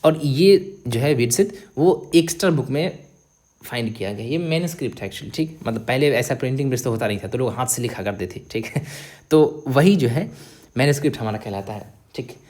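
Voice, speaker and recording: Man, exam-prep teacher, mid-range pitch, explains step by step, drops in English terms. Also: expressive, brisk, a little mellow. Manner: explains step by step, often checks in with "ठीक है"; mixes English terms into Hindi.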